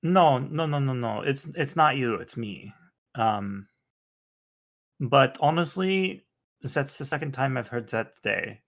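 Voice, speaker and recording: A man playing a tabletop role-play game, speaking in character in an earnest, gentle, formal way. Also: medium pitch, expressive, slow pace. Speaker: player.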